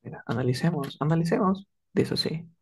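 A man's voice: on the high side, brisk, breathy edge. A man teaching an English lesson, patient, checking often that students follow and acting out small example dialogues. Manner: acts out examples with switching voices. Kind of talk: live class explanation.

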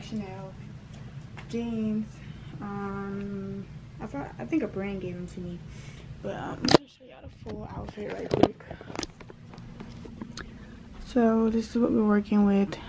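A woman's voice: mid-range voice, background noise. A young woman, chatting casually to her vlog viewers, rambling and calling them y'all. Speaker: vlogger. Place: at home.

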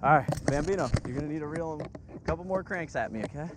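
With a fairly high pitch, a dad rapidly and excitedly tells his young sons how to land fish, repeating himself as he films casually. They're in a small boat on open water, and the action camera mounted aboard records wind and boat noise.

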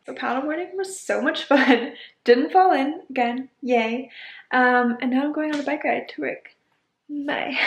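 A woman's voice: sits high, fairly bright tone, slight background noise, low-quality recording. A young woman vlogging casually to a handheld camera outdoors, bubbly and giggly, with many "like" fillers. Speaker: travel and fitness vlogger. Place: outdoors at a lake and in the mountains.

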